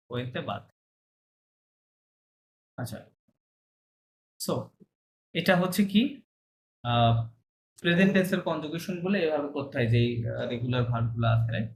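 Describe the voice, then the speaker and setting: A patient French teacher walks through verb endings in an online class, mixing in English and French phrases and pausing often to check that students follow. Faint background noise sits under the voice. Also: mid-range voice, expressive, a little mellow, rough recording. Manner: mixes Bengali with English and French terms. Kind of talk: online language lesson.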